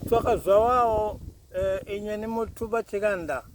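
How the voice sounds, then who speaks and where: A man's voice: high-pitched, moderate pace. A man being interviewed, telling about his people's history in short statements. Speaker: interviewee, elder. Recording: windy outdoor recording, boat noise.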